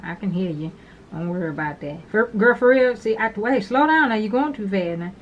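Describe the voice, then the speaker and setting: Woman, home nail vlogger, chatty and rambling, mid pitch, faint fan hum. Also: expressive, a little fast, muffled recording. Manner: talkative, addresses viewers as "girl"; rambling, repeats herself. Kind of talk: casual chatty tutorial. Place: small home room with an overhead fan.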